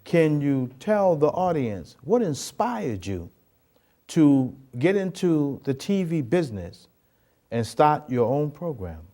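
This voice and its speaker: A male studio host with a fairly high, animated voice. He talks like a preacher, pushing his phrases upward for emphasis. Then he turns to interviewing his guest. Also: slow. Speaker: program host.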